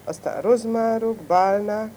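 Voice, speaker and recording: A woman's voice: a little high, warm tone, a little hiss or hum, pitched above the performer's own voice, natural voice. A woman voicing a sly, stubborn fox in a storybook tale who answers with bold self-assurance. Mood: cocky. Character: cunning stubborn fox, lost at sea.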